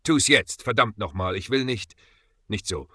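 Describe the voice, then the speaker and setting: Give me a strained, gasping young man who boasts and then bleeds out, as a male narrator plays him in a spoken story. The voice is bright, and the recording is dry and close. Every line sounds pushed through pain. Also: lowish voice, measured pace, slightly rough, dry recording, exaggerated voice. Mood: pleading.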